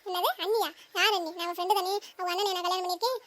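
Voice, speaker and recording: A woman voicing Meena, a chatty, sharp-tongued young wife in a cartoon, talking fast and teasing. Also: very high-pitched, fairly even intonation.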